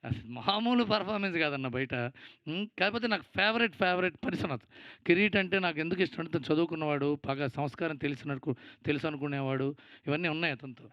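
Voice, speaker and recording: Man with a telugu accent giving a producer speech, a bit high pitched, rambly and jokey, dry dull mic. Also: fast talker, dry recording. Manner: rambling, thankful, teasing. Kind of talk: event speech. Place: event stage.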